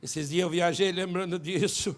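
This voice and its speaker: A Brazilian man preaching a sermon at a church service, telling a personal testimony in an animated way and rising to shouts. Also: sits high, moderate pace. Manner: animated storyteller, acts out quotes, shouts at climaxes. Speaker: pastor and singer.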